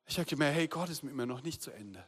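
Male pastor, mid-high voice, earnest sermon, soft-to-loud swings, long church-hall reverb. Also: lively intonation, quick pace, husky. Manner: earnest, shifts between loud appeals and soft hushed confession.

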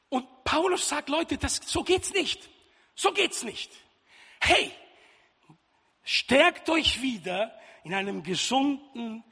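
A man preaching a sermon in a church hall, lively and jokey with loud outbursts. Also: very high-pitched. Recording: reverberant hall.

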